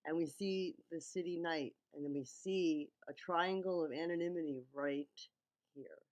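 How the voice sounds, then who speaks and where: A woman's voice: low voice, moderate pace, darkish tone. A woman giving casual, teacherly running commentary as she breaks down visuals, often checking in with the listener. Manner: teacherly, checks in with okay and right. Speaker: video commentator breaking down a music video.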